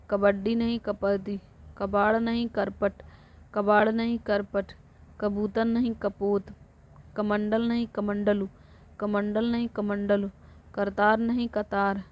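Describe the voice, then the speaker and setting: A woman teaching Hindi vocabulary for exams, reading word pairs slowly and repeating them, sometimes correcting herself. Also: medium pitch, lo-fi sound. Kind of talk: exam-prep vocabulary drill.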